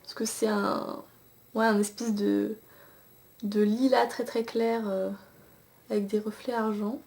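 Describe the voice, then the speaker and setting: Her voice is medium-pitched, gravelly and darkish, delivered slowly in a level tone. A young beauty vlogger, she casually reviews and swatches eyeshadows into a camcorder mic, chatting with many fillers and restarts.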